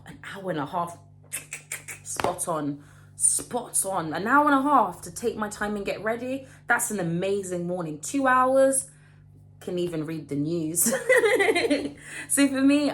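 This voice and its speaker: A woman in her late twenties giving a casual motivational talk to camera, animated and emphatic, often repeating and restarting her phrases. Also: medium pitch, a little hiss or hum. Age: late 20s. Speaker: vlogger.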